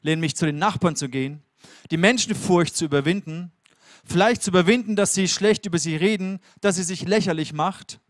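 A man's voice: dry recording, studio quality. Earnest German-speaking preacher man. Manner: earnest, rising to emphatic peaks then dropping low. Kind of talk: sermon.

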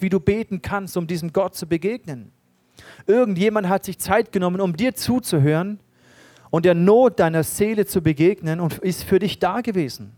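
Man, preacher at a service, earnest and direct, swings from emphatic to hushed, bright-ish voice, dry close sound. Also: no room sound. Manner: earnest, addresses listeners directly with questions; swings between raised, emphatic lines and quiet, low ones. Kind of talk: sermon. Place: church service.

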